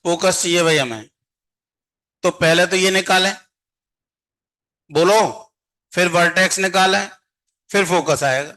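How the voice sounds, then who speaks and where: A man's voice: sits high, a little slow, pauses often, pushed and bright. A man teaching a math class, constantly quizzing and coaxing his students to answer. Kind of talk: classroom lecture.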